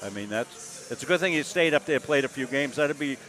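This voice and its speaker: A man's voice: medium pitch, expressive, fairly quick, a bit bright. A man in his sixties from Massachusetts, calling a college basketball game courtside in a folksy, rambling way with lots of filler words. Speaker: play-by-play announcer. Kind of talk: live basketball commentary. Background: music.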